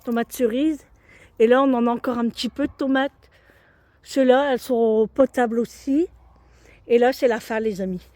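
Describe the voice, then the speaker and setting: A woman's voice: fairly high pitch, dark tone. A French woman chatting casually to her viewers in a home vlog, talking to them as friends. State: out of breath. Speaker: vlogger.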